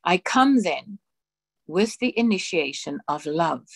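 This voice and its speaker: A woman minister reads a sermon aloud in a slow, solemn, measured voice. Her pitch sits somewhat low, and the recording is dry and close with no room sound. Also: lively intonation, gravelly, no echo. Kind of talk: sermon reading of spiritual dictations.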